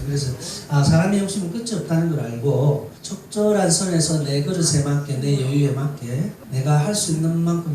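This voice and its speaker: Lively storyteller man, echoey room. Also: fairly high pitch. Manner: lively, chatty, animated retelling. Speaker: storyteller for older women. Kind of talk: folk-tale storytelling talk. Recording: echoey room, distant mic, faint hiss.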